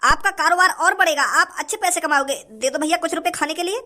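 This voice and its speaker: A man's voice: extremely high pitch, fast, bright, forceful tone, heavily acted. A man playing a pleading hungry beggar. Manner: begging, pleading. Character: pleading poor young male beggar. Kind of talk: comedy sketch acting.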